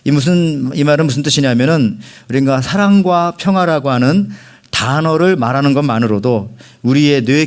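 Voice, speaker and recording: A male pastor preaching a sermon in a church, telling funny stories and talking directly to the congregation. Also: medium pitch. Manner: humorous storyteller, addresses the congregation directly. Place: church sanctuary.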